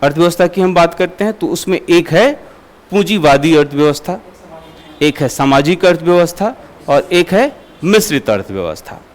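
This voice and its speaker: Male lecturer, slightly high voice, quizzes students, grounds ideas in homely examples. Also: big pitch swings, fairly quick. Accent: Hindi. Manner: asks students questions and answers them; uses homely everyday examples. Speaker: teacher. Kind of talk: classroom lecture.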